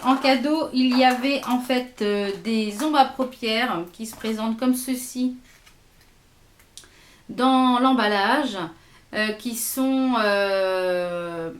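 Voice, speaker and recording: In a roomy-sounding space, a fairly high-pitched woman, a beauty vlogger, chats her way through a makeup haul. She's casual but hesitant, full of fillers, swatching products on her arm as she talks.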